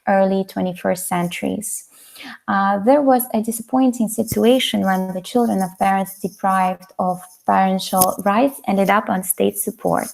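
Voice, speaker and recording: A woman's voice: medium pitch, gravelly, darkish tone. A young woman from Kazakhstan gives an academic webinar presentation over a video call, earnest and full of fillers and restarts. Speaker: doctoral student presenter.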